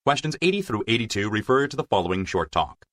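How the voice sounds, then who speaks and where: A man reading scripted exam narration as a test narrator, in a formal, measured way. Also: on the low side, sing-song, a bit bright, no echo, clean studio sound.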